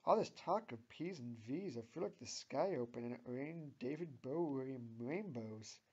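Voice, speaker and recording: A man's voice: mid-range voice, expressive, a little slow, husky, lo-fi sound. A man voicing a gushing, happy middle-aged mother.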